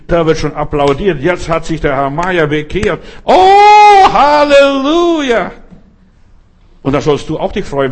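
Guy preaching, husky voice, chatty and folksy, keeps going "verstehst du". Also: medium pitch. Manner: lively, folksy, asks "verstehst du?". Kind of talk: sermon.

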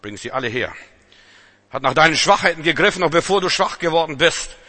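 A man preaching a sermon, dramatic and full of rhetorical questions, swinging between loud exhortation and hushed intensity. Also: a little high, expressive, a little fast.

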